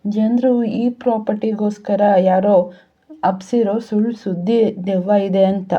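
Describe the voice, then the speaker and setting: A woman's voice: mid-range voice, steady tone, a little slow, lo-fi sound, natural voice. A woman voicing a sensible young woman in a told story, thinking aloud about what she sees. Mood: knowing. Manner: thoughtful.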